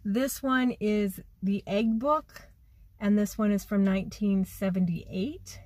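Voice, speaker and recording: With no room sound, this slow, slightly mellow, medium-pitched voice keeps fairly even intonation. It belongs to a woman in her forties, a vintage reseller vlogger giving easygoing shop-with-me narration and murmuring prices to herself in an antique mall and then a parked car, filmed on an arm's-length phone camera.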